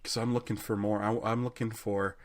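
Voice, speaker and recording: A man's voice: fairly low pitch, level tone, brisk, a crowd in the background. A man co-hosting a podcast, chatting casually, laughing easily and hesitating now and then. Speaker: podcast co-host. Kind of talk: casual chat.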